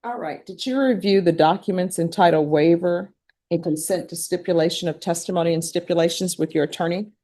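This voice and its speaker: A woman judge putting formal, measured legal questions, heard in a courtroom recording. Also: lowish voice, warm tone. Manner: measured, reads legal questions in set wording.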